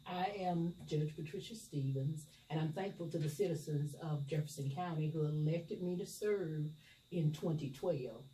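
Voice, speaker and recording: A middle-aged woman, speaking as a judge in an interview and explaining in a measured, formal way. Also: low-pitched. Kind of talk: interview answers. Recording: echoey room, distant mic, loud noise.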